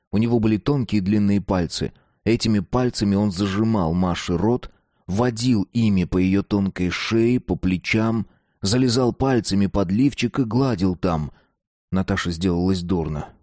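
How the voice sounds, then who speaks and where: A man reading a dark story aloud, slow and deliberate. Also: lowish voice, no room sound, clean studio sound. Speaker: narrator. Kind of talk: scripted narration of a dark story.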